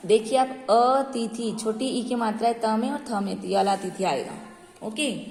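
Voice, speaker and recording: A woman teaches a young class from a textbook. She speaks in a somewhat high voice, drawing words out slowly and asking the children whether they follow. The sound rings with a long reverb, as if she is in a bare, echoey room. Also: vocal fry, darkish tone, slight background noise. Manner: patient, repeats words slowly and asks checking questions. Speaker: primary school Hindi teacher. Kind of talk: online class lesson explaining a textbook chapter.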